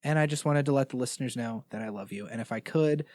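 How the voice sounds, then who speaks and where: A man's voice: mid-range voice, fast, a little mellow, no echo. A young man co-hosting a podcast, joking and rambling in casual banter on a close dynamic mic. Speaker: podcast co-host. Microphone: close dynamic studio mic.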